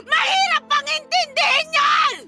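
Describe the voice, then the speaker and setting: Brief: actress as a desperate, meek mother in a radio play; high-pitched and apologetic. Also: normal speed, loud music behind the voice, natural voice. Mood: sobbing fury. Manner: meek and apologetic, then crying and shouting. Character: desperate mother working as assistant, pleading. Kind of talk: radio drama acting.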